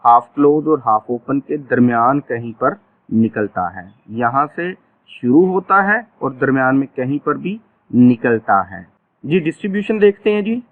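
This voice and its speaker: A man teaching phonetics in a lecture, repeating each example sound slowly. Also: a little high. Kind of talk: classroom lecture. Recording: tinny phone-like audio.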